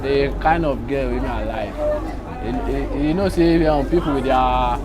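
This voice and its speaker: A man's voice: mid-range voice, normal speed, a loud crowd. A man with a Nigerian accent chats casually in Pidgin as an interviewee, often repeating his words. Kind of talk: casual street interview chat. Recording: busy outdoor street, loud voices and traffic.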